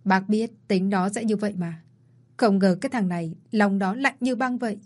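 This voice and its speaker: A woman's voice: medium pitch, normal speed, a little mellow, lightly acted. A woman voicing a kindly, worried older father and grandfather who pleads with and scolds his son in a storybook reading. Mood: pleading.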